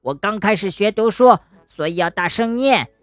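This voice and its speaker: A woman's voice: mid-range voice, expressive, moderate pace, no echo, soft background music, pitched above the performer's own voice, natural voice. A woman voicing a cross, tearful young male animal in a children's bedtime story, sulky and whiny. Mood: indignant. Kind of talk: storybook voice acting.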